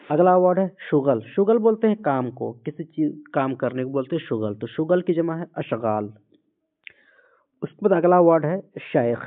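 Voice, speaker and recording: A man with a slightly high voice teaches vocabulary one word at a time. He repeats each term patiently. The audio is thin and phone-like. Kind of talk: vocabulary lesson.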